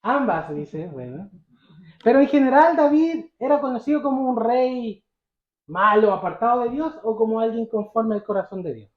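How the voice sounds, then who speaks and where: A man's voice: very high-pitched, animated, normal speed, echoey room, muffled recording. A male pastor preaching a sermon, telling the story vividly and asking the congregation questions.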